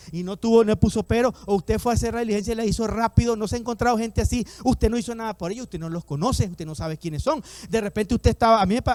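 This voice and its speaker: High-voiced male pastor preaching. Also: darkish tone, no room sound. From Latin America. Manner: emphatic, repeats lines and calls on the congregation to respond; acts out quoted voices in his stories. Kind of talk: sermon.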